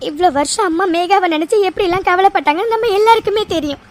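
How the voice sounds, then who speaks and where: A grown daughter in a cartoon, voiced by a performer, frightened for her mother and reproachful. Her voice is shrill and very high. She scolds and repeats herself through tears. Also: quick pace. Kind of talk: cartoon voice acting.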